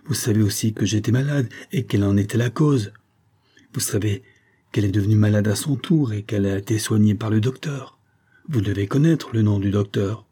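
A man's voice: on the low side, a little fast, mellow, slightly rough. A man voicing an anxious husband who questions his wife in an insistent, probing way.

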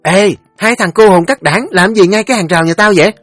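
Brief: male narrator putting on a screeching, cursing village girl, pitched very high, dry studio sound. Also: lively intonation, no room sound, soft background music. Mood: furious. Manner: screeching, cursing, fast threats. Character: foul-mouthed shrill teenage village girl.

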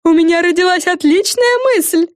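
Woman doing a squeaky vain fairy girl. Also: lively intonation, moderate pace, darkish tone, no room sound, clean studio sound. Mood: bossy. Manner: bossy, self-important. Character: bossy vain young fairy girl, showoff.

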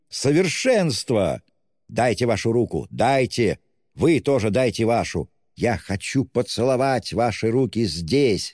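Drunk, effusive young man voiced by a male reader, raised, shouting storybook voice, long reverb. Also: fairly low pitch, clean studio sound. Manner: shouting, effusive, self-abasing. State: tipsy. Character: drunk, excitable young man, loud and gushing.

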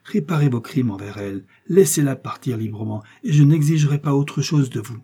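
A man's voice: medium pitch, expressive, fairly quick, dark tone, breathy edge. A man doing a fervent zealous officer. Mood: pleading. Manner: fervent, pleading, insistent.

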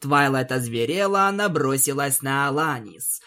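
A man reading a story aloud in a dramatic, animated way. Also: medium pitch, unhurried. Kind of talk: storybook narration.

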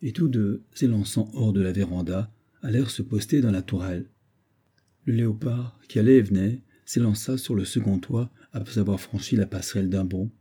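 A man narrating a classic adventure novel as an audiobook, in a measured, steady reading. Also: on the low side, slightly rough. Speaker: audiobook reader.

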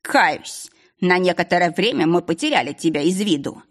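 Lady doing a cold smug duke, drags his words, low raspy voice. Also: animated. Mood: smug, mocking. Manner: slow, mocking, unhurried. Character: cold, smug scheming male duke, villain.

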